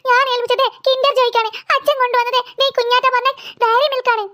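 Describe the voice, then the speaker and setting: A woman's voice: level tone, a little fast, bright, forceful tone. A woman doing a whiny jealous little girl. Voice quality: very high childlike voice. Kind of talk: cartoon voice acting.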